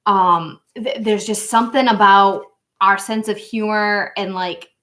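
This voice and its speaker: A woman's voice: mid-range voice, steady tone, a little slow, fairly bright tone. Chatty laughing woman on a tarot livestream. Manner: rambling and chatty, with frequent laughs and fillers. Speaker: tarot reader and channel host. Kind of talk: casual livestream chat.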